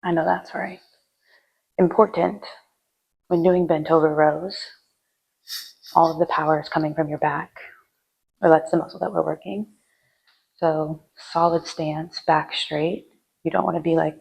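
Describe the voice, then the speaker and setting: A woman's voice: sits low, steady tone, measured pace, vocal fry, long pauses, husky, dull audio. A woman chatting through her gym workout, giving casual lifting tips between sets, sometimes out of breath. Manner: chatty, rambling, with fillers. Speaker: fitness vlogger.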